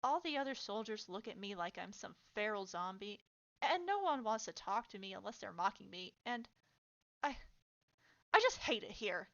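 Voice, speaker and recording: A woman voicing a weary, bitter young male undead soldier in a low, drained murmur, for a fan audio reading. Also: big pitch swings, moderate pace, vocal fry, dull audio.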